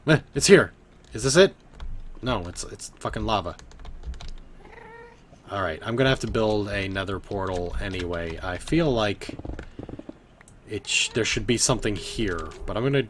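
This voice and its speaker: A man's voice: lowish voice, slight background noise. A man in his thirties, a bit drunk, giving rambling, profane live commentary while playing a game from his bedroom. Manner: rambling, swearing, laughing often. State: tipsy from drinking. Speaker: streamer. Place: home bedroom.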